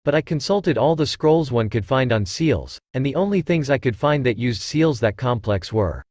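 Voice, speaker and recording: A shy, earnest young ninja girl speaks softly and hesitantly, as a male storyteller reads her lines. The read has a lively, rising and falling pitch, and the recording is close and dry. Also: moderate pace, no echo, close to an everyday voice. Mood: careful. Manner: soft, hesitant.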